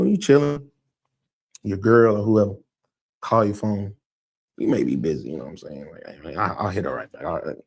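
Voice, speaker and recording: A man delivering loose, comedic music industry commentary in a slangy style, often stumbling and restarting his sentences. His voice is dark and gravelly with a husky edge. His pitch swings widely as he acts out little scenes.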